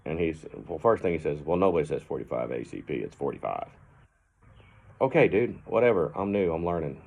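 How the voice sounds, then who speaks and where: A man casually telling a story in a blunt, plain-spoken way, cursing freely. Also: low-pitched. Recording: tinny phone-like audio.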